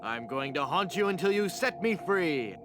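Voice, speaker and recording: A man voices a hapless, earnest adventurer in a comic adventure game, theatrically pleading and bluffing as a would-be ghost, mock-menacing yet sheepish. His fairly high, animated voice sits close to an everyday tone at a moderate pace. Music plays in the background.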